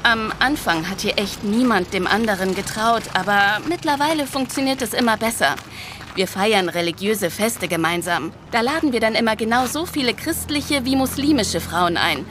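This woman's mid-range, expressive voice moves at normal speed and sounds close to everyday speech, though the background is noisy. She plays a friendly, concerned Nigerian nun devoted to peace in an interactive audio drama, explaining in a chatty, slightly unsure manner.

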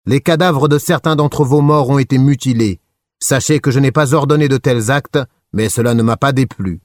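A man's voice: on the low side, big pitch swings, normal speed, slightly rough, no echo. A man voicing a defiant enemy chief who calls out taunts from a mountaintop, his voice raised. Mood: boastful. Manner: calling out loudly, taunting.

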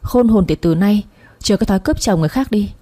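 A heavy-set jealous wife spits insults and threats in a husky, dark voice, as a woman narrator plays her. She sounds coarse and menacing. It is a storybook reading. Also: medium pitch, lively intonation, fast talker, lightly acted. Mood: contemptuous, threatening.

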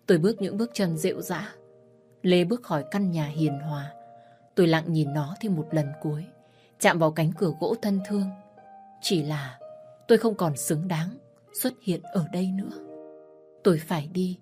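A woman's voice: lowish voice, dark tone. Woman narrating a sorrowful story. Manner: sorrowful, emotional delivery. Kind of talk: first-person story narration. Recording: faint background music.

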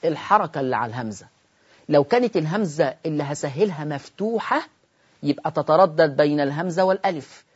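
An Egyptian man teaches Quran recitation in a broadcast lesson, asking rhetorical questions of his students. He slows right down to model each word. The audio sounds dull and slightly lo-fi. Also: a little high, expressive, breathy edge. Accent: Egyptian Arabic. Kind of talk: televised religious lesson.

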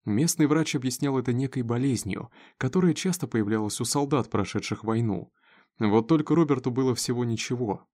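A man reading a dramatic story aloud in a steady narrating voice. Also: medium pitch, fairly quick. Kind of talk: scripted audiobook narration.

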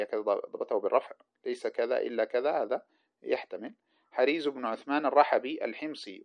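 A man teaches hadith sciences at a brisk clip, reading aloud from a classical book and pausing to spell out how each name is voweled. His voice is of middling pitch, and the recording sounds dull and lo-fi. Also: vocal fry. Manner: spells out letters and vowels of names; reads passages aloud then explains them. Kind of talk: lecture commenting on a classical text.

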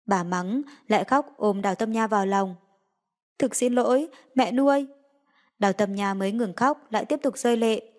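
A woman narrating a romance novel in an even reading voice, lifting her tone slightly for quoted lines. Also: medium pitch. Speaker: audiobook narrator.

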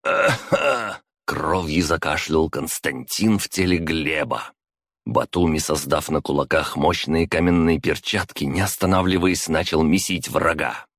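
A man narrating a fantasy audiobook in a steady, measured way. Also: a bass voice, no room sound, studio quality.

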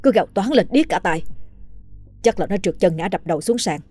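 A gruff, curt older father from a spoken horror story, put on by a woman narrator. He scolds in quick, clipped bursts, and the voice stays dark and husky. Faint music plays behind. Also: high-pitched, animated, no room sound. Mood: gruff, hurried. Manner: brusque, scolding.

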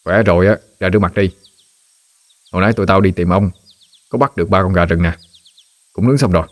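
A man voicing a brash young friend who talks in a quick, mocking way. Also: low-pitched, natural voice. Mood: casual.

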